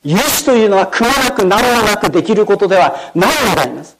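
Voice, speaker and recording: Mid-range and expressive, this voice moves fast over background noise. It belongs to a pastor preaching a storytelling sermon in a formal, explanatory manner, regularly ending sentences with solemn phrases like "de arimasu" and asking the audience questions.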